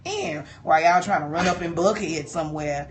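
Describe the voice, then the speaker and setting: A woman, chatting candidly and warmly to viewers while filming her cosmetic treatment in a doctor's office. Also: low-pitched, moderate pace, slight background noise. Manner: animated, chatty, heartfelt, addresses viewers as y'all. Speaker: patient filming her own cosmetic procedure. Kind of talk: candid livestream talk to viewers.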